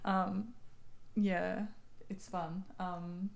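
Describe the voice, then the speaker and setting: A woman's voice: mid-range voice, level tone, very slow, vocal fry, noisy background. A woman with a posh Australian accent, chatting casually over a card game in a wry, easygoing way.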